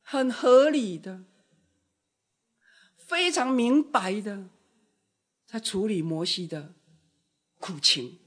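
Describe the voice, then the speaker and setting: A woman preaching a sermon, dramatic, acting out voices from scripture and swinging from loud outbursts to soft, quiet words. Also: mid-range voice, animated, takes it slowly, pauses often.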